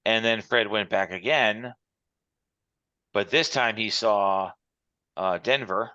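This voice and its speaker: Bright-voiced man teaching over a conference call. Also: fairly low pitch, slow pace, no echo. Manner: walks through examples step by step. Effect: heard over a conference call. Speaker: instructor. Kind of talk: online class lecture. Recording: muffled, dry call audio.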